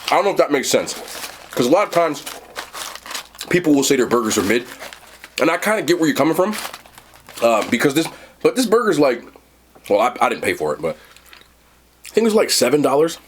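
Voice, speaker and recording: A man's voice: on the high side, very animated, a little fast, long pauses, a little hiss or hum. A man giving a casual, unscripted food and movie review, rambling and blunt, with slangy phrasing and casual swearing.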